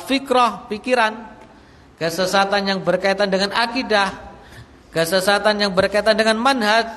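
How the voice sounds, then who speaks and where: A man's voice: high-pitched, sharp tone, in a large hall. A man teaching a mosque study lecture, reciting Arabic text and then explaining it plainly with repeated phrases. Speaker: Islamic teacher.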